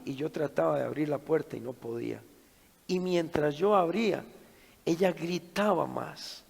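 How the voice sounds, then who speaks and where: A middle-aged man preaching a sermon at a men's conference, telling a personal story dramatically, shifting from hushed tones to loud outbursts. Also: fairly high pitch, vocal fry, breathy edge. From Costa Rica. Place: church hall. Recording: echoey hall with long reverb.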